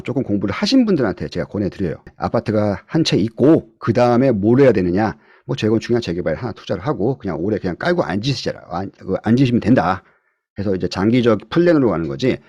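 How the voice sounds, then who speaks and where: A man teaching real estate investing in an online video-call lecture, often putting questions to his class and swinging between loud and soft. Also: on the low side, husky, no room sound, dull audio. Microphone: computer mic on a video call.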